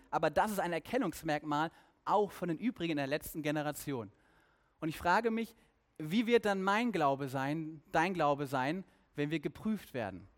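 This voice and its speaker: A man preaching a sermon, earnest, with questions aimed at the listeners. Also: on the high side.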